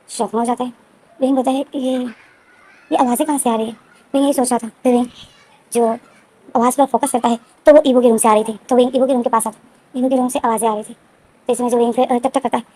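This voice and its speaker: Fast, high-voiced woman retelling a story. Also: warm tone, low-quality recording. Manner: repetitive, frequent restarts and fillers. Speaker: story explainer. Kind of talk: casual storytelling recap.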